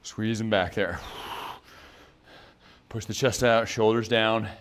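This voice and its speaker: A man's voice: fairly low pitch, steady tone, slow. Man coaching a workout, puffing between moves. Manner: breathy exhales between exercises, chatty coaching. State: out of breath. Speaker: fitness trainer. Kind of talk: workout instruction.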